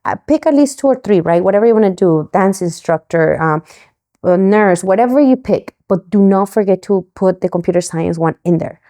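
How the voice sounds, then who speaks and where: A woman from Mexico, a podcast guest, telling her story in a lively way and acting out the voices of the people she quotes. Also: mid-range voice, fairly quick. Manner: animated, acts out quoted voices.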